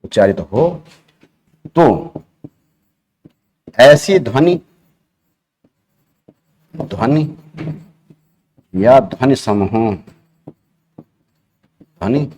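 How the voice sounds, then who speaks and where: A man's voice: lowish voice, expressive, drawn-out words, pauses often, darkish tone, slight background noise. A man with an Uttarakhand accent teaching an exam-prep grammar lesson. He explains step by step, repeats key terms and asks the class questions while he writes on a board.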